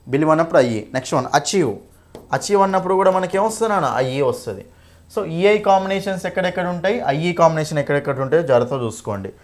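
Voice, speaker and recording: A young man teaching an English exam-prep lesson, repeating points and checking in with "okay?" often. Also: fairly high pitch.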